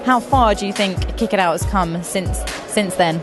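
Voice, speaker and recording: A woman interviews a guest at an evening event, putting friendly, direct questions to her. Clear music plays behind her voice. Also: medium pitch, normal speed.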